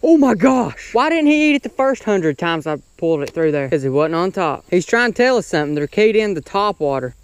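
A young man with a drawl chatters away excitedly at a pond's edge, quick and high-voiced. His voice comes through smooth and close, with a dry, unreverberant outdoor sound. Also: no room sound. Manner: excitable, exclaiming often. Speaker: fishing vlogger. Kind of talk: casual outdoor vlog commentary. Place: outdoors at a pond bank.

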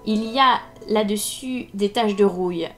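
A woman's voice: medium pitch, unhurried, soft background music, close to an everyday voice. A woman playing a dry, relentless ex-inspector. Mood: cold. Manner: dry, hard, precise, menacing. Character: cold, relentless male ex-police inspector. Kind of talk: live audiobook reading.

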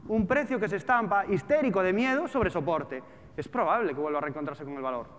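On a large auditorium stage facing a seated audience, a trading educator and trader in his thirties delivers an informal, colloquial talk full of rhetorical questions, with a European Spanish accent. His voice is high-pitched and fairly bright, and he speaks fairly quickly; the hall is echoey with background noise.

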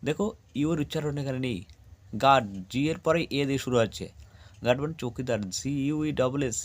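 A man's voice: mid-range voice, a little fast. A man teaching a spoken English lesson, spelling words out letter by letter and explaining each one patiently.

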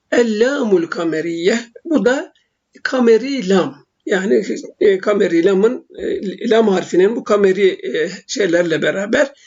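Halting male Arabic teacher, lo-fi. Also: high voice, darkish tone. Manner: slow, halting, frequent filler sounds while explaining. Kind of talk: recorded language lesson. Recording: dull lo-fi recording.

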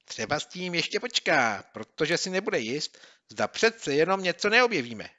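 An eager, hot-headed schoolboy bursts out with loud, high exclamations, as a male narrator puts him on. His voice is bright and forceful, and the storybook recording sounds slightly lo-fi. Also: big pitch swings. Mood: brash. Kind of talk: audiobook character voice.

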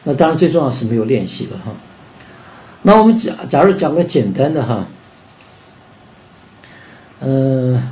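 An older man gives a rhythm lesson in a fairly high voice. He explains downbeats and upbeats, then sings out counting syllables to show each pattern. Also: darkish tone. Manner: demonstrates beats by singing syllables and counting aloud. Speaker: music teacher.

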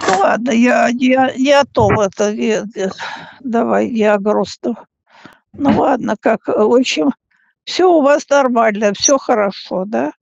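A frail woman in her eighties chatting casually on a phone call like a great-grandmother, halting and often repeating and stammering over words. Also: on the high side, vocal fry, darkish tone, dry recording. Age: 80s. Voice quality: frail, elderly voice. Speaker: great-grandmother talking with younger relative. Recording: dull, muffled phone call recording.

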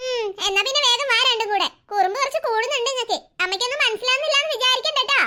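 A woman's voice: extremely high pitch, rapid-fire, pushed and bright. A woman voicing a fussing, teasing cartoon mother who chides her daughters but cares for them. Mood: motherly. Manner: chiding yet caring.

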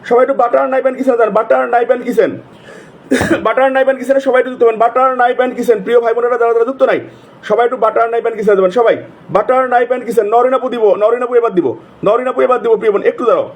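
Very high, rapid-fire live host. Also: male voice, steady tone. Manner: repetitive, urgent calling out of names. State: sore throat. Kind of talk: live stream shout-outs.

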